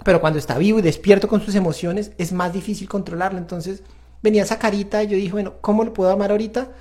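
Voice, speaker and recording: A man's voice: high voice, fairly even intonation, fast talker, darkish tone. A man hosting a faith-based parenting talk, earnest and confessional as he speaks straight to viewers. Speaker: parenting show host.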